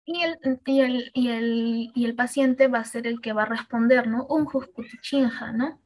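A woman's voice: on the high side, normal speed, darkish tone. A woman teaching Quechua to medical students in an online class, explaining step by step with many fillers, restarts and checks like "¿no?".

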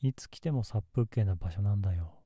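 A man playing a gentle, melancholy young man in love, in a soft, intimate ASMR role-play close to the mic. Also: on the low side, fairly quick, no room sound, close to an everyday voice. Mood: gentle, musing. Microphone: close ASMR microphone in a dry space.

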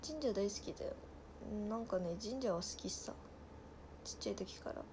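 A woman in her twenties with a Nagasaki dialect, chatting casually on a livestream and reading viewers' comments aloud, often trailing off into soft mutters. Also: medium pitch, expressive, moderate pace, background noise. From Nagasaki, Japan. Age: 20s. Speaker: livestream host.

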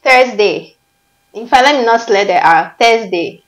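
A woman's voice: a little high, lively intonation. A woman with a Ghanaian accent, a guest in a playful accent challenge, who argues each pronunciation and laughs her way through the banter. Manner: argumentative, laughing, quick to dispute.

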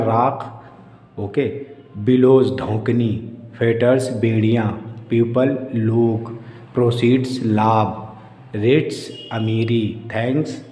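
A man's voice: mid-range voice, dark tone. A man teaching an English grammar lesson, explaining words one at a time and often saying "okay". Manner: repeats "okay" often, drills examples. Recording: echoey room with faint ambient noise.

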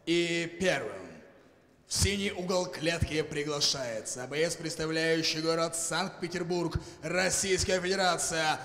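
A man's voice: fairly high pitch, fairly even intonation, fairly bright tone. A young man working as a boxing-style ring announcer at a fight, projecting formally and drawing out names over an arena PA. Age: young adult. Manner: projected, drawn-out delivery of names. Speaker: ring announcer at an MMA event. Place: inside a cage in a large sports arena. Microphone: handheld microphone over the PA. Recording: echoey arena PA with long reverb.

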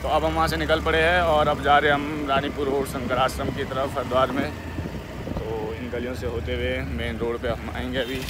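A man's voice: mid-range voice, level tone, fairly quick, very noisy. A young man chatting casually to his viewers while vlogging outdoors, filmed on a handheld phone. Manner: chatty, addresses viewers as friends. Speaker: travel vlogger. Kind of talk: casual vlog narration. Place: outdoors on streets and a rooftop. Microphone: phone camera at arm's length.

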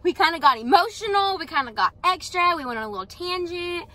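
A woman's voice: very high voice, animated, fast talker, sharp tone. A woman of about eighteen, chatting casually and sentimentally to her viewers from inside a parked car, filmed on a phone. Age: late teens. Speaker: vlogger. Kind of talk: casual vlog chat. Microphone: phone camera held on the dashboard.

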